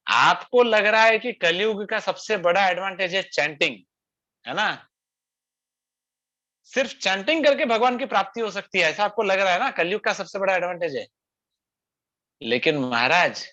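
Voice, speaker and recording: A man voicing a boastful, gloating male spirit of the dark age in a retold scripture story, speaking in a taunting, boastful way. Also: high-pitched, full character voice. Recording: dull lo-fi sound.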